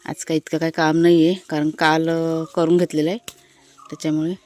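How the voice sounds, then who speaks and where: A woman with a slightly low voice speaks casually to her viewers, explaining each thing she points out. She records outdoors in a home garden, chatty and relaxed in her walkthrough. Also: a little fast. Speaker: family vlogger.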